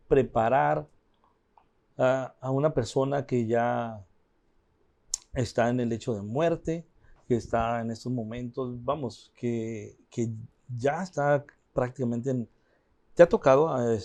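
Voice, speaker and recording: A man hosts an interview in a mellow, relaxed voice. He hesitates and repeats words as he works out a question. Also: medium pitch, measured pace. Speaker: interviewer host. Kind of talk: interview talk.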